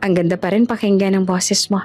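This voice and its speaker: A woman's voice: mid-range voice, fairly even intonation, fairly quick, darkish tone, soft background music, lightly acted. Woman doing an earnest young boss. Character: young man, reformed charming boss.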